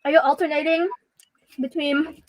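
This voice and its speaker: Young woman host, high voice, dry close sound, giggly chatty livestream. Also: flat delivery, moderate pace, no room sound, poor audio. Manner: giggly, chatty, frequent laughter. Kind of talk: casual livestream chat.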